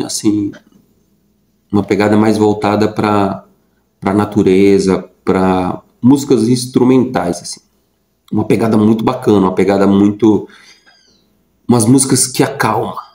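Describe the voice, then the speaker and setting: A man's voice: fairly low pitch, fairly even intonation, unhurried, long pauses, mellow, roomy sound, rough recording. A young adult man telling a personal story in a casual, rambling way, with lots of fillers and repeated words. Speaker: vlogger.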